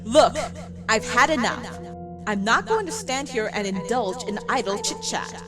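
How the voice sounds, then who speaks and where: A woman's voice: a little high, lively intonation, measured pace, over music. A woman voicing an impatient, fed-up adventure game character in a curt manner. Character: impatient, fed-up woman refusing small talk.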